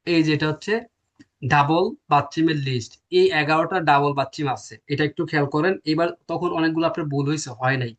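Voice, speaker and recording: Male teacher, a bit high-pitched, quizzes the class and answers himself. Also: fairly even intonation, fast. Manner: explains step by step, asks and answers his own questions. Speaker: language teacher. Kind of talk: classroom lecture.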